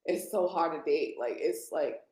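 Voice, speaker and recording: A woman's voice: low-pitched, animated, moderate pace, darkish tone, roomy sound, low-quality recording. A woman in her thirties speaking bluntly and plainly as a guest in a casual podcast conversation, with slangy phrasing. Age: 30s.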